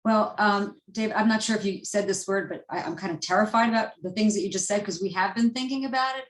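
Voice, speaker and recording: A woman professor with a medium-pitched voice speaks fast and off the cuff in a panel discussion. Earnest and rambling, she keeps breaking off to rephrase herself, over roomy, echoey video-call sound.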